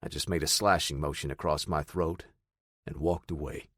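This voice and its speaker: A man narrating a first-person audiobook in a steady, matter-of-fact way. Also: very deep voice, normal speed, no room sound, clean studio sound.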